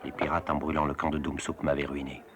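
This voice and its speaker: An actor giving a grave, reflective first-person voice-over as an adventurer. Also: male voice, very deep voice, flat delivery, fast talker, fairly bright tone. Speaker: narrator.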